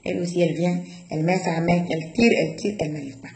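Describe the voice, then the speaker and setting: A woman's voice: on the low side, fairly even intonation, fast talker, a little mellow. A woman from Guinea, giving an emotional personal testimony and stumbling and repeating herself as she tells her story. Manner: emotional, repeats "je dis" and stumbles over words. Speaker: interviewee recounting her own childbirth. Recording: roomy echo with faint noise.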